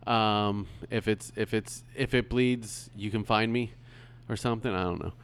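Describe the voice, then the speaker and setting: A podcast host with a lowish, clean-toned voice chats casually at a moderate pace. His intonation stays fairly even as he rambles, dropping many ums and restarting his thoughts.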